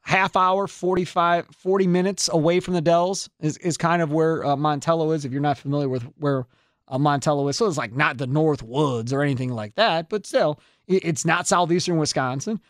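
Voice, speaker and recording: A man's voice: fairly high pitch, fairly even intonation, a little fast, dry recording. A man hosting casual sports radio on a studio microphone, with a blunt, teasing way of talking. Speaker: radio show host.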